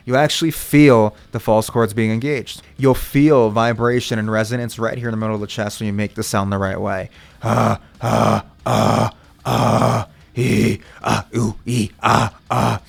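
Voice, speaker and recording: A man working as a vocal coach, explaining technique step by step in a reassuring, instructional way. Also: on the low side. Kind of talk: instructional video talk.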